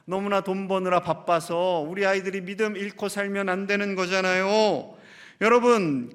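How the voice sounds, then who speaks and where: A male senior pastor giving a Sunday sermon, speaking straight to the congregation with questions and reading scripture slowly and emphatically. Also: high voice, a bit bright. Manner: addresses the congregation directly with questions. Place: church sanctuary. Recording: long hall reverb of a church.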